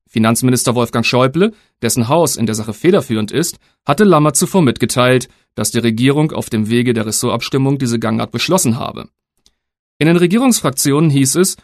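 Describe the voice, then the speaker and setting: A man reading a news text and a fairy tale aloud with an even, measured delivery. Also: medium pitch, no room sound, studio quality. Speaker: reader.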